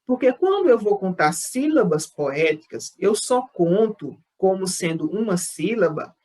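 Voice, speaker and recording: A woman teacher with a Brazilian Portuguese accent, patiently explaining a lesson and counting syllables aloud. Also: mid-range voice. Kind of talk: online class lesson.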